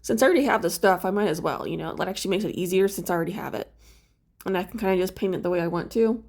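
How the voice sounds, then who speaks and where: A woman's voice: fairly low pitch, rapid-fire, creaky, a little mellow. Give me a sleepy, rambling woman talking casually while she paints. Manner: chatty, rambling, many fillers. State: sleepy, just woke up. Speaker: crafts vlogger.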